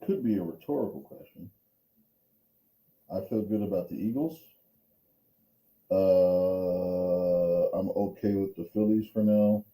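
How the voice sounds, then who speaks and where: A man's voice: low-pitched, slow, pauses often, dark tone. A man co-hosting a casual sports chat, his voice muffled and hollow as if talking into a tin can, with dry offhand remarks. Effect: muffled, hollow sound like talking into a tin can. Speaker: podcast co-host. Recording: muffled echoey remote mic.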